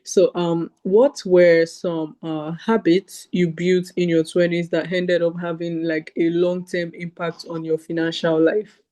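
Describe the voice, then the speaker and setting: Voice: medium pitch, level tone, a little slow, mellow, no echo. A podcast host who introduces the guest and asks questions in an upbeat, chatty way with fillers. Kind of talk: casual podcast interview.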